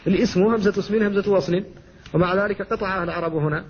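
A middle-aged man with a Mauritanian Arabic accent, teaching Quran recitation with slow, careful demonstrations of pronunciation. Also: high-pitched, husky, lo-fi sound. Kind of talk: explanatory lesson on tajweed.

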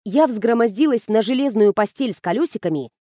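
A woman narrating a first-person audiobook in a brisk, wry storytelling manner. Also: a little high, expressive, mellow, no room sound, clean studio sound.

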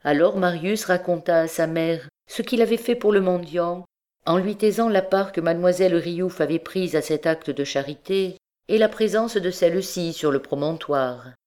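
A woman narrating a classic novel as an audiobook in a measured, deliberate way. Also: fairly low pitch, a little mellow. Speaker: audiobook reader.

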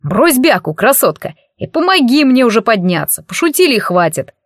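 A woman's voice: on the high side, sing-song, moderate pace, no room sound, clean studio sound. A woman voicing a brash, arrogant male werewolf in an audiobook, smug and condescending. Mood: smug flirting.

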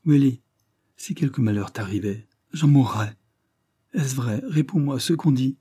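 A man's voice: mid-range voice, lively intonation, a little slow, mellow, slightly rough, dry recording, studio quality, pitched above the performer's own voice. A man reading an audiobook, voicing a frail, anxious young wife who pleads breathlessly. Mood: anxious pleading.

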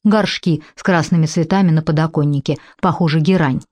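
Low, warm-voiced woman narrating. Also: steady tone, a little fast, dry recording. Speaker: audiobook narrator. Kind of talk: scripted narration.

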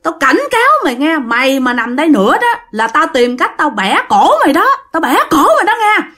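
A woman's voice: fairly high pitch, animated, fairly quick, close to an everyday voice. A woman voicing the angry ghost of a young man with bleached hair, cursing and threatening in a ghost story. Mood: menacing.

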